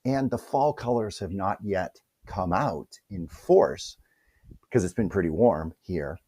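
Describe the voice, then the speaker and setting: A man hosting a spiritual reflection vlog, talking in a chatty, animated way with asides. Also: takes it slowly, slightly rough. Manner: animated, chatty, with wide pitch swings and asides. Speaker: host of a spiritual reflection channel.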